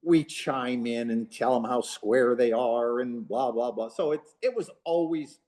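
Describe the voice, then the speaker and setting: A man who used to play pro baseball, guest on a talk show, telling a story in a lively way and putting on other people's voices. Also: measured pace. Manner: animated, acts out others in a higher voice. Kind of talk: casual storytelling.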